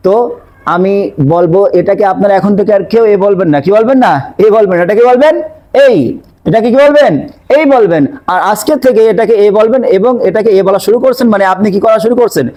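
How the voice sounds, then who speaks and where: High-voiced man teaching English pronunciation. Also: racing, darkish tone. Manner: drills with repeated questions and answers. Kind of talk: video lesson.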